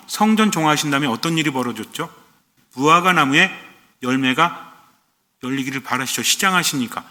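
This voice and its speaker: Male priest, sermon, bright forceful tone, rather high pitch, long hall reverb. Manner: asks the congregation questions and answers them himself; acts out short quoted lines.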